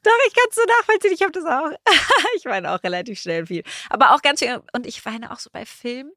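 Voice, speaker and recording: A woman co-hosting a podcast, talking in a quick, emphatic way with lots of agreeing fillers. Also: a little high, sing-song, sharp tone, no room sound, studio quality. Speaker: podcast co-host. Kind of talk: casual chat.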